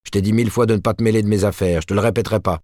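A man's voice: low-pitched, brisk, a little mellow, no room sound, studio quality. A man voicing a cold, vindictive middle-aged shopkeeper husband who hammers every word. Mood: cold, scolding.

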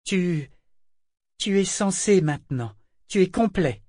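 A man's voice: high voice, expressive, slow pace, mellow, no echo, clean studio sound, pitched above the performer's own voice. A man reading aloud, voicing a fawning, falsely courteous young man with a honeyed manner. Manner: honeyed and oily.

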